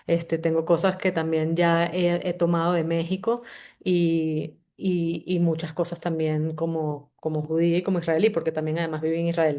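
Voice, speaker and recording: Speaking with a Venezuelan accent, a woman from Venezuela hosts a live online book-summary session as the company's CEO. Her voice is lowish and darkish in tone, and she talks in a warm, conversational way, often restarting her phrases.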